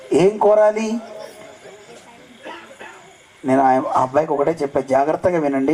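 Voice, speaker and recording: A man's voice: fairly high pitch, mellow, a little hiss or hum, rough recording. A man giving a devotional discourse at a temple festival, telling scripture stories and often asking his listeners questions. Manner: asks the audience questions often. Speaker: religious speaker.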